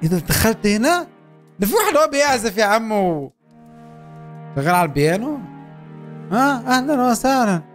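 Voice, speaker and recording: A young man with an Egyptian Arabic accent giving excitable, joking commentary as he plays a game. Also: extremely high pitch, fairly quick, pauses often, soft background music. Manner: excitable, joking, urging his character on. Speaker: gaming YouTuber. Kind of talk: Let's Play commentary.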